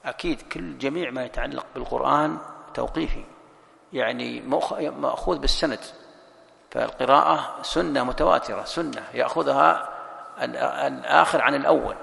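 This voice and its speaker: A man's voice: mid-range voice, a little fast, gravelly, fairly bright tone, big-room sound. A man teaching a lesson as a sheikh, explaining each point step by step, repeating words and reciting examples. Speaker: sheikh teaching Quran sciences. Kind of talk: classroom lesson explaining a text.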